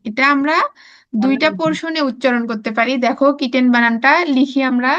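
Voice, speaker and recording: A woman with a Bangladeshi Bengali accent teaching a preschool class, spelling words out slowly and coaxing the children to repeat after her. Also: high voice, a bit bright, highs cut off. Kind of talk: classroom lesson, spelling aloud.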